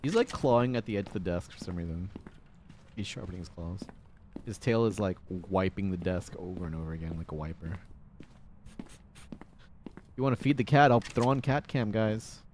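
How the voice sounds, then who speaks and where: A man's voice: sits low, animated, moderate pace, long pauses, a little mellow, a little hiss or hum. A man in his thirties streaming a game, chatting casually and jokily, rambling between stories and swearing now and then. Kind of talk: casual gaming stream chat.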